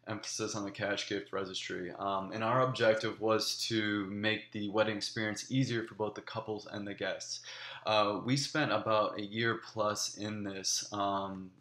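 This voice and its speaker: Young guy pitching himself, lowish flat voice, lots of ums, echoey room. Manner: earnest, many ums and restarts. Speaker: graduate student applicant. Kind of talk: video application pitch.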